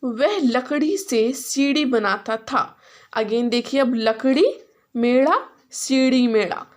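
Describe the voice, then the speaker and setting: A woman teacher with an Indian accent, mixing English and Hindi, spelling words out slowly syllable by syllable in a phonics lesson. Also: a little high. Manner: slow, syllable-by-syllable spelling aloud.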